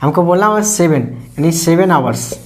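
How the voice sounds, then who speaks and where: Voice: mid-range voice, animated. A teacher who quizzes as they explain. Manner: quizzing tone, constantly asks "ठीक है ना?" and answers own questions; slow, repetitive step-by-step explanation. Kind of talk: explaining English lesson to students.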